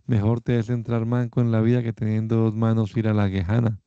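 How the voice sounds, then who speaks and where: A man reads scripture aloud in a warm, smooth voice. He keeps a measured, steady pace and raises his pitch slightly for quoted speech. The recording is dry and a little dull, with a slightly lo-fi sound. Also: no echo. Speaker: Bible reader.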